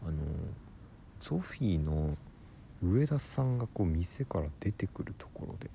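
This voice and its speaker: A man, a comedian hosting his own radio show, telling a rambling story in a casual solo monologue, mixing fast patter with drawn-out words. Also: low voice, sing-song, mellow, slight background noise.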